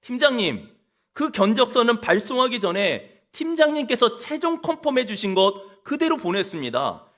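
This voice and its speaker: A man's voice: extremely high pitch, very animated, moderate pace, fairly bright tone, pitched above the performer's own voice, heavily acted. A preacher acting out a junior employee politely defending himself to his boss. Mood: defensive.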